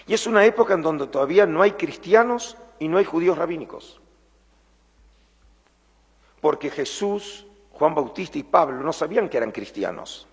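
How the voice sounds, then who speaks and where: Lecturing publicly in a large former synagogue hall, where long reverb fills the recording, is a middle-aged male museum curator from Argentina, a native Spanish speaker with an Argentine Spanish accent. His husky, fairly high voice is animated yet earnest and measured, slowing and stretching key words for emphasis.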